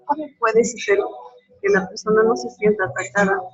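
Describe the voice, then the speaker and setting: A woman's voice: fairly high pitch, animated, moderate pace, husky, muffled recording. A woman taking part in a coaching class, asking a question hesitantly over a video call. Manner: hesitant, restarts words. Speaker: course participant.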